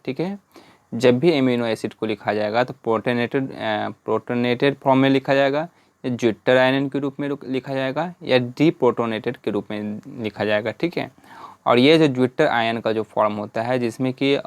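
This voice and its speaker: A male teacher speaks at a middle pitch, and his voice is close and dry. He is patient and goes through the points one by one, repeating checks like "right?" and "okay?" after each point. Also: dry recording. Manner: patient, repeats "है ना" and "ठीक है" often; spells out letters and drills lists step by step. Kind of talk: whiteboard lesson.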